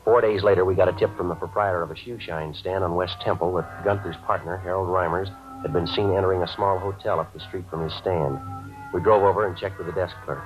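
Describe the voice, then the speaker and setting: An actor playing a terse male police sergeant who narrates his case in a clipped, deadpan way, heard as an old AM radio drama broadcast. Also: low voice, quick pace, music in the background. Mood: flat. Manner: clipped, deadpan report of times and facts. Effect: old AM radio broadcast sound. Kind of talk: 1950s radio drama acting. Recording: muffled lo-fi 1950s AM radio broadcast.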